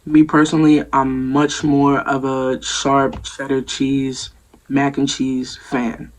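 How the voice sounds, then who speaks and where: A man casually reviewing fast food for his vlog, easygoing and repetitive, with frequent ums. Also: mid-range voice, monotone, rough recording. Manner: easygoing, repeats himself, lots of ums and "me personally".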